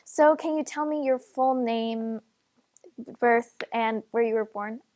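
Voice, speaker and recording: Woman host, kinda high voice, polite scripted questions for an oral history. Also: takes it slowly, darkish tone. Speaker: interview host.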